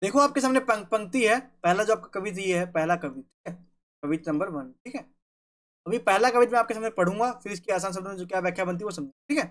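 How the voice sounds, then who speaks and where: Male teacher, poetry lesson, repetitive, checks in often, slow verse recitation. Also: sits high. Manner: recites verse slowly and loudly. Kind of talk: Hindi literature lesson for school students.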